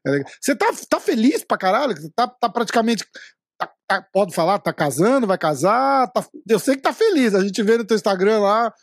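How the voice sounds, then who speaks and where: A podcast host from Brazil with a high voice for a man. He asks long, halting questions, starting over and stumbling as he goes. The sound is dry and close to the mic. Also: animated, dry recording. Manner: hesitant, many restarts and fillers. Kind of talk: casual interview chat.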